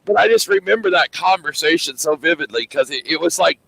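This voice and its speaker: A man's voice: on the high side, a little fast, gravelly, slightly rough, no echo, poor audio. A man hosting a casual racing chat, telling stories and acting out quoted lines. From western United States. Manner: animated storyteller, acts out quotes. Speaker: host.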